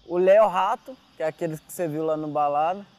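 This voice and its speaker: A young Brazilian man who dances on party trains, talking in a relaxed, chatty interview and laughing easily. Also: a little high, fast. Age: young adult. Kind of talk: casual interview.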